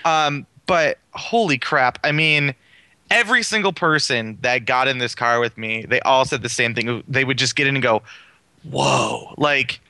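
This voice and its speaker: A man talks cars in relaxed podcast chat, enthusiastic and rambling, stacking up fillers as he goes. His voice is very bright and forceful. The recording is close and dry. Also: medium pitch, normal speed, smooth, dry recording. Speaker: car reviewer on a podcast. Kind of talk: casual chat.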